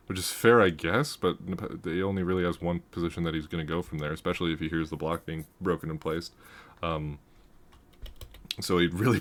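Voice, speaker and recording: A man casually breaking down a recorded game match, rambling, correcting himself and often laughing. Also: low voice. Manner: rambling, self-correcting, laughs often, gets loud when excited. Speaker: gaming commentator reviewing a match. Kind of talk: casual game analysis commentary.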